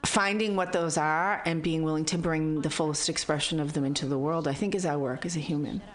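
A woman's voice: low voice, steady tone, a little fast. A woman in her fifties with a Boston accent, talking candidly and reflectively as an interview guest, earnest and a bit blunt. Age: 50s. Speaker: interview guest, psychologist and spiritual teacher. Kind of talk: conversational, reflective interview talk.

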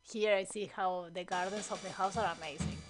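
Woman, Argentine accent, native Spanish speaker, mid-pitched, enthusiastic, halting, casual radio guest. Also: fairly even intonation, faint music behind. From Buenos Aires, Argentina. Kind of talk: casual chat. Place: radio studio booth.

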